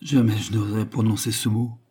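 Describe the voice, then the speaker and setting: A man's voice: lowish voice, flat delivery, fairly quick, warm tone, husky. A man reading aloud and voicing a scheming young widow who feigns distress in a dramatic, pleading way. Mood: indignant.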